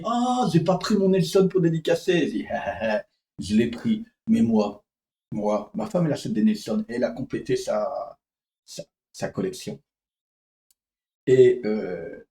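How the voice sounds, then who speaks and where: Male vlogger telling a story, hesitant and rambling, warm tone, roomy sound. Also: medium pitch, vocal fry. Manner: rambling, hesitant, many fillers and restarts. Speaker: comics vlogger. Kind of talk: casual storytelling vlog.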